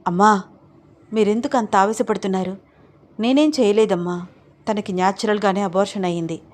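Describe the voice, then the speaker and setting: A woman voicing a calm young husband who patiently explains in a read-aloud audio story. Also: mid-range voice, fairly quick, natural voice.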